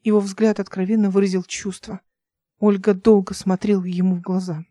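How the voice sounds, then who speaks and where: A woman narrating an audiobook in an even, measured way. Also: mid-range voice, no echo.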